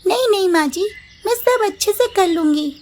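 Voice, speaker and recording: A woman's voice: very high-pitched, lively intonation, moderate pace, a little mellow, a little hiss or hum, pitched above the performer's own voice. A woman voicing a lazy, scheming young daughter-in-law in a storybook, sweet-talking and dismissive. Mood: sweetly evasive. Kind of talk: storybook voice acting.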